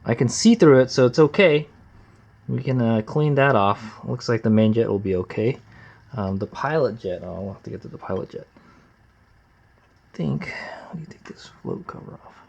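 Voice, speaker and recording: A man talking casually and plainly like a gruff home mechanic while working at his bench, with slangy, unpolished asides. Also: mid-range voice, moderate pace, darkish tone. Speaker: amateur motorcycle mechanic, vlog host. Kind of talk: casual hands-on workshop narration. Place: workbench, close to the camera. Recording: slightly dull, lo-fi camera audio.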